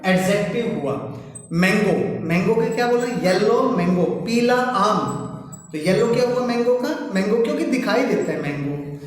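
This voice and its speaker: A man's voice: sits high, animated, moderate pace. A man teaching English grammar to children in a classroom lesson, asking many rhetorical questions and repeating key points. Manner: addresses students as children. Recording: echoey room from a distant mic.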